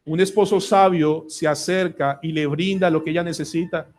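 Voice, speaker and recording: A Colombian man preaching from the pulpit with a high voice. He is earnest and keeps putting questions to the congregation as he goes. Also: steady tone, moderate pace, darkish tone. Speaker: pastor. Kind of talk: sermon.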